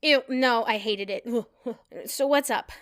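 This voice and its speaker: A woman's voice: on the high side, slow pace, no echo, studio quality. An actress playing a nervous, giggly young woman who is hiding a secret. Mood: flustered. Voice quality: giggly, flustered. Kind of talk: audio drama acting.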